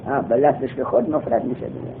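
A man teaching Arabic grammar in a classroom lesson. He reads each line of the text slowly, then explains it and quizzes his students. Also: fairly even intonation, creaky. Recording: tinny phone-like recording with faint rumble.

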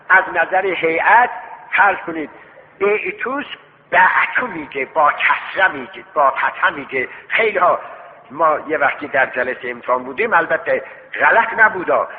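A man teaching a seminary class on Islamic law, asking rhetorical questions and answering them himself, and slowing down to repeat key terms. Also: on the high side. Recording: tinny lo-fi recording with long hall reverb.

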